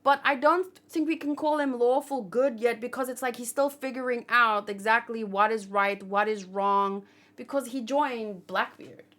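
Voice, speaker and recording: Speaking at a normal pace, this woman has a fairly high pitch and a slightly bright tone. She hosts a manga read-along channel, offering rambling, casual remarks and often questioning herself mid-thought.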